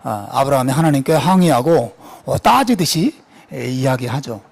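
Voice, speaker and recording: A male pastor preaching a sermon, expressive, with frequent fillers and soft asides. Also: mid-range voice, normal speed, vocal fry, slightly rough.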